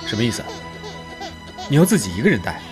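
A man's voice: mid-range voice, big pitch swings, fast talker, a little mellow, close to an everyday voice. An actor playing a caring, level-headed young man in a TV drama, who reasons with others persuasively. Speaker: male lead. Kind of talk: TV drama acting. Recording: drama music underneath.

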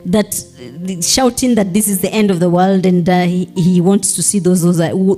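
A woman's voice: medium pitch, a little mellow. Woman preaching to young people, faint music. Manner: earnest preaching with asides and restarts. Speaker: guest speaker. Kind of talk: sermon to a youth fellowship.

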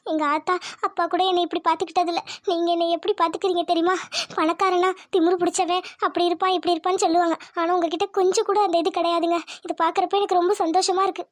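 A woman voicing a gentle, self-blaming young village wife in a cartoon. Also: very high-pitched, little pitch movement, fast, no echo, clean studio sound. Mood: tender. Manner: soft, humble, pleading. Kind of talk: cartoon voice acting.

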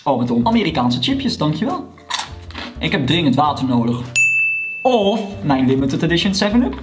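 A YouTuber unboxing a mystery box, animated and exclaiming loudly, with English words thrown in. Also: mid-range voice, normal speed. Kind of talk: excited unboxing vlog. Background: background music.

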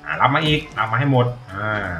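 A man's voice: medium pitch, sing-song, brisk, fairly bright tone, faint music behind. A man giving casual, rambling gameplay commentary as a tutorial streamer, thinking aloud and swearing now and then.

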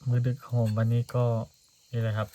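A man's voice: mid-range voice, level tone, quick pace, dark tone, dull audio. A young man talking casually to the camera in a daily vlog, sleepy after working all night. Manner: chatty, self-talking, plainspoken. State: tired from staying up all night. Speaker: vlogger.

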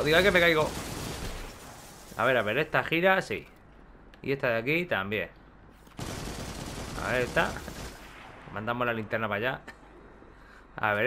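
Excitable man commenting gameplay. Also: mid-range voice, slight background noise. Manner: excitable, chatty, swears casually. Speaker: gaming video host.

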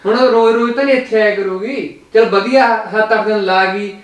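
A man playing a nephew who gently chides and consoles his weeping aunt. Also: high-pitched, brisk, distant mic, natural voice. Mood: consoling. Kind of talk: village drama acting. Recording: very echoey room, voice off-mic.

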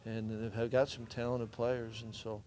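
Middle-aged male coach, flat delivery, mellow tone, postgame presser answers. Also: mid-range voice, normal speed, a little hiss or hum. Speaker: head football coach.

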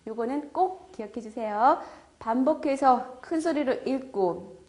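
A woman's voice: high-pitched, lively intonation, unhurried, a little mellow. A woman teaching a beginner language lesson, patiently repeating each phrase and breaking it down step by step.

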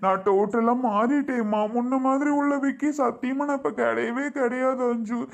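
A woman's voice: on the high side, moderate pace, gravelly. A woman playing a desperate young husband who begs and pleads again and again in a family drama skit. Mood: pleading. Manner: pleading, repeating a name over and over.

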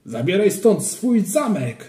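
A man's voice: sits high, sing-song, extremely slow, dark tone, pitched above the performer's own voice, full character voice. A man voicing a cocky little schoolboy standing his ground in a storybook reading. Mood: defiant. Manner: bold defiant retorts. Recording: roomy echo.

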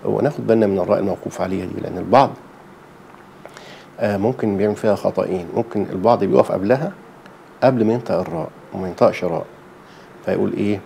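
A man's voice: on the low side, very fast, creaky, long pauses, dark tone, a little hiss or hum. A middle-aged man with an Egyptian accent, teaching Quran recitation patiently step by step and posing rhetorical questions as he goes. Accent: Egyptian Arabic. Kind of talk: explanatory lesson.

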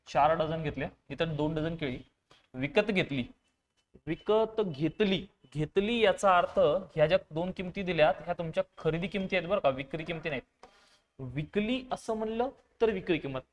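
A man teaching an online math lesson in a fairly high voice. He explains patiently step by step and often says a phrase twice. He poses questions to his students and answers them himself. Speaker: exam-prep teacher.

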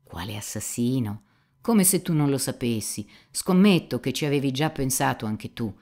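A woman's voice: extremely low pitch, expressive, moderate pace, a little mellow, pitched above the performer's own voice. A woman voicing a cynical, gossipy young male seminarian who mocks and insinuates, in an audiobook reading. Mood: probing. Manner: mocking, insinuating, talkative.

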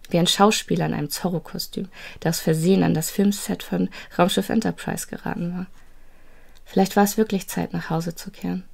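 A woman narrating a children's advent story in a calm, measured reading voice. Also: lowish voice, vocal fry.

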